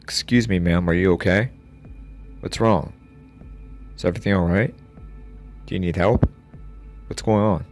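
A man doing a nervous young buddy, very deep. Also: very animated, a little fast, creaky, husky, faint music behind, exaggerated voice. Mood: shouting. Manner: anxious, pleading questions.

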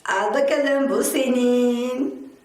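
A woman's voice: a little high, slow, a little mellow, voice pushed down. A woman voicing a caring mother of small children in a toy role-play story. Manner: soothing, motherly. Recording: very echoey room.

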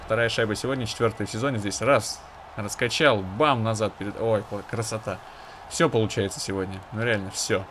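A man's voice: lowish voice, steady tone, fairly quick, background noise. A man giving casual, conversational commentary on his own hockey video game, with analytical asides to viewers.

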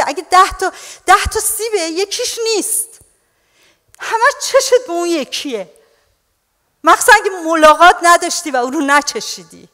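A woman pastor preaching an animated sermon, her voice high and bright in pitch. She keeps addressing the congregation warmly as dear ones, and the sound carries the long reverb of a church hall.

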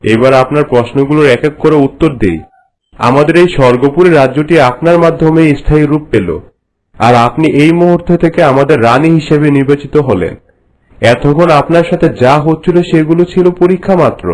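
In scripted cartoon dialogue, a man plays a reverent royal courtier who formally and respectfully explains things to his queen in a solemn storytelling narration. His voice is on the high side, a little fast and a little mellow, lightly acted. The audio is poor, with a music bed underneath.

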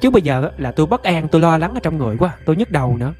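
A man's voice: fairly high pitch, big pitch swings, rapid-fire, darkish tone, faint music behind. A man voicing a worried middle-aged wife in a spoken ghost story, begging anxiously.

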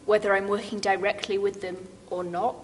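A woman in her thirties speaks slowly and reflectively, often restarting her sentences as she searches for words. Her voice sits at a middle pitch. A long echo from a big studio trails behind her, with faint room hiss. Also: flat delivery. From United Kingdom. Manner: thoughtful, hesitant, many restarts. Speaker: dance artist. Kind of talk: reflective interview answers. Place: large dance studio, indoors.

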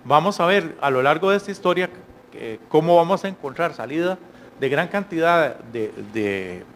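A man's voice: fairly high pitch, animated, a bit bright, slight background noise. Middle-aged man lecturing on a panel. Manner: measured, frequent hesitations, rhetorical tag questions. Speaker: panel speaker. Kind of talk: academic panel talk. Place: conference hall, indoors. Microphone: handheld mic.

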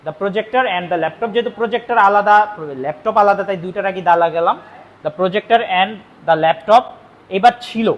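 Man, high-pitched teacher voice, slow, repetitive classroom explaining, mixes Bengali and English. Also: highs cut off. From Bangladesh. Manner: explains slowly, repeats each phrase, switches between Bengali and English. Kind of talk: classroom grammar lesson.

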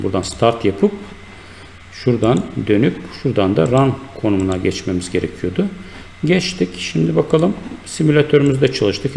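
A man teaching a software tutorial, talking in an unhurried, explanatory way with many fillers and self-corrections while he works at a computer. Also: mid-range voice, gravelly, slight background noise. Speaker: instructor. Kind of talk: screen-recorded software tutorial.

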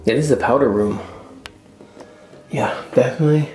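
A man giving a casual, excited walk-through vlog of an old mansion, chatty and often dropping to a murmur. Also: medium pitch, moderate pace, faint music behind. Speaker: vlogger touring a historic mansion. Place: indoors, large old house.

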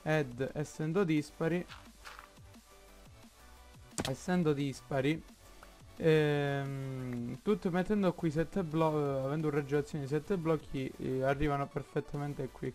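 An Italian man talks his way slowly through a building session in a block game, pausing and filling gaps as he thinks aloud. His voice sits a little high for a man, and faint music plays under him. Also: darkish tone. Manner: slow, halting, thinks aloud with many fillers. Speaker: gaming YouTuber. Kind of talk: Minecraft let's play commentary.

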